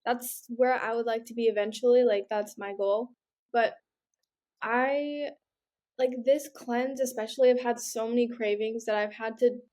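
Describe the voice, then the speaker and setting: Upbeat woman with a higher voice, casual. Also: mellow. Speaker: podcast co-host. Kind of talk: casual chat.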